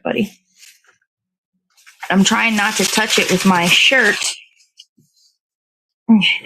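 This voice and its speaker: On a low-quality recording, a woman with a medium-pitched voice hosts a casual, hands-on cake decorating demo. She speaks to viewers and half to herself in short fragments as she works.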